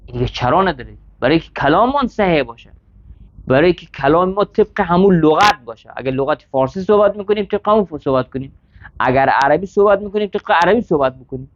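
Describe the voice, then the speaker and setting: A man's voice: on the high side, lively intonation. A man teaching a classroom lesson, reading Arabic text line by line, explaining it and checking with his students. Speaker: seminary teacher. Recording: dull lo-fi sound.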